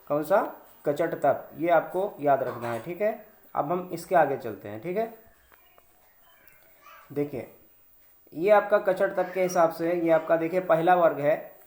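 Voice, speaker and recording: A male teacher giving a grammar lesson, saying each sound slowly and asking learners to repeat after him. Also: fairly high pitch, a little mellow. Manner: slow, drawn-out demonstration of sounds, asks learners to repeat. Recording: echoey room.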